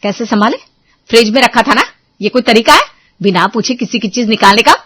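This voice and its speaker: A woman voicing a furious, quarrelsome mother who scolds and shouts. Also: a little high, fairly quick. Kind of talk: storybook drama.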